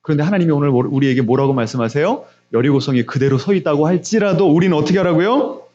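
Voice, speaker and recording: A man's voice: on the high side, lively intonation, quick pace, mellow, dull audio. A middle-aged man preaching a sermon as pastor, pressing the congregation with repeated questions and emphatic rises. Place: church sanctuary, also streamed on video call.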